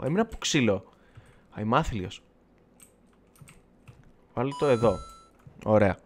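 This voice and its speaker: Male streamer, mid-pitched, loose running chatter to chat during live play, quick to swear and joke at himself. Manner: chatty, self-mocking, swears, talks back to chat and the game. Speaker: gaming livestreamer. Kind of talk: casual live gameplay chat.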